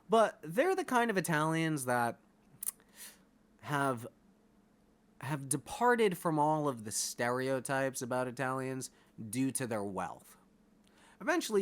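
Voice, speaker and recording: Blunt, profane man with a lively voice. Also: on the high side. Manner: talks straight to the viewer with frequent "all right?". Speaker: vlogger. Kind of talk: unscripted monologue to camera.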